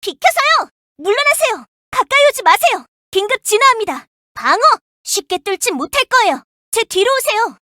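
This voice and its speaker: A voice actress playing a young, earnest and protective firefighter in a game, polite and gentle, snapping into crisp radio-style reports. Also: female voice, very high-pitched, sing-song, a little fast, hardly any pauses, no echo, studio quality, full character voice. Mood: urgent shouts. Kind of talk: game character voice lines. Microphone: dry studio mic.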